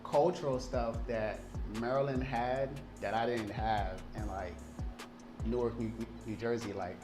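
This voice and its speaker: Male guest, 30s, Liberian-born, lively anecdotal delivery; roomy recording with music bed. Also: mid-range voice, unhurried. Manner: animated storytelling, frequent fillers and restarts. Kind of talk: casual interview. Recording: roomy sound with music underneath.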